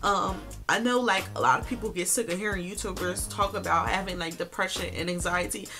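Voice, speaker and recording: A woman's voice: fairly low pitch, a little fast, bright, forceful tone, soft background music. A young woman giving a casual life update on her vlog, chatty and full of "like"s, tearful at times. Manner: chatty, filler-heavy talk with many "like"s. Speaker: vlogger.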